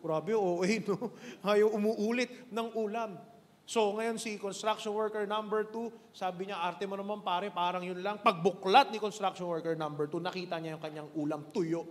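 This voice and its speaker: Preacher type, high voice, playful animated storyteller, echoey hall. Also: male voice, normal speed. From Philippines. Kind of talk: storytelling sermon. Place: cinema hall.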